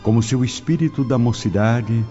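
A man serves as the solemn narrator of an ancient Roman tale in a scripted radio drama, speaking at normal speed with a mid-range, dark voice close to an everyday one. The recording is dull and lo-fi, buried under prominent music.

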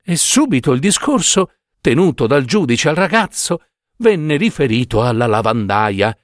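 A man reading a fairy tale aloud in an expressive, unhurried way. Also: mid-range voice, dry recording, clean studio sound. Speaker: storyteller.

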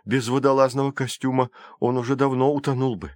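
A man's voice: mid-range voice, fairly even intonation, a little fast, a little mellow, no echo, clean studio sound, lightly acted. A man voicing an eager, brave young woman on a rescue, who pleads and exclaims with urgency. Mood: calm, practical.

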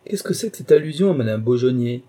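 A man's voice: medium pitch, lively intonation, moderate pace, dark tone, slightly rough. A man reading an audiobook who voices an irascible, pompous older uncle in an overbearing, indignant manner.

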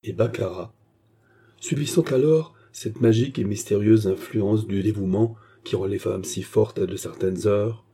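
A male audiobook narrator with a very dark, mellow and husky voice pitched somewhat low. He reads at a steady literary pace and moves into a different voice for each character. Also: normal speed. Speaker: audiobook reader. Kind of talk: scripted narration.

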